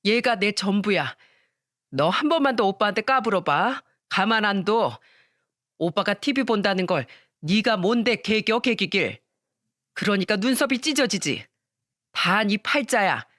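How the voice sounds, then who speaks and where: A woman's voice: mid-range voice, lively intonation, unhurried, a bit bright, dry recording, clean studio sound. A woman voicing a harsh middle-aged mother who scolds her daughter and favors her son, in a storytelling radio show. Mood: cold scolding. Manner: scolding, cold and dismissive.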